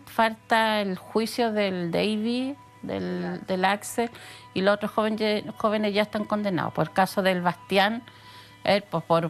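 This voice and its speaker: A Chilean woman with a gravelly voice lays out facts plainly and steadily, now and then restarting her sentences. Soft music plays underneath. It is an interview guest answering questions. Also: mid-range voice. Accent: Chilean Spanish. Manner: steady, matter-of-fact with hesitant restarts. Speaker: guest, mother of a detained youth.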